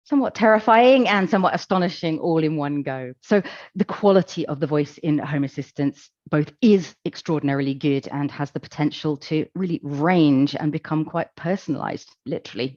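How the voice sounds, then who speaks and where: A woman giving a conference presentation, explaining in a measured, calm way with occasional fillers. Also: sits low, no echo, highs cut off. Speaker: conference speaker. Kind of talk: presentation talk.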